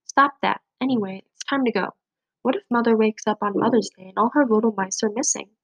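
A woman's voice: on the high side, brisk, no room sound, poor audio. A woman reading a storybook aloud, voicing a protective, bossy eldest brother mouse who speaks firmly and stays in charge. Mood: urgent. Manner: firm, in charge.

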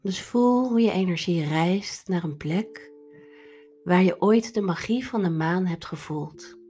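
A woman guides a meditation very slowly over soft background music. Her voice is on the low side and breathy, with a soft, soothing delivery. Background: instrumental music.

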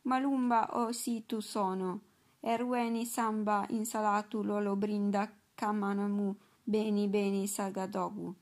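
A woman's voice: medium pitch, level tone, measured pace, darkish tone, close to an everyday voice. Woman voicing a charming girl chanting gibberish. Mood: playful. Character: charming playful young native girl speaking nonsense.

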